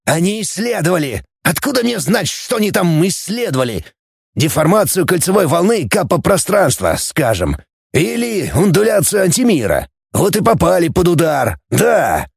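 A man's voice: fairly high pitch, sing-song, normal speed, vocal fry, darkish tone, husky, no echo, clean studio sound, full character voice. A man doing a raised, barking elderly starship captain. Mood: heated. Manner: barking, sneering, then weary. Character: wiry elderly male starship captain, irritable and scornful.

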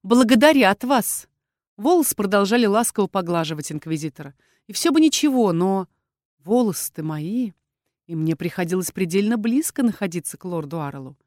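A woman narrating a fantasy audiobook in an expressive, lively reading style. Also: fairly low pitch, fairly quick, no room sound, clean studio sound.

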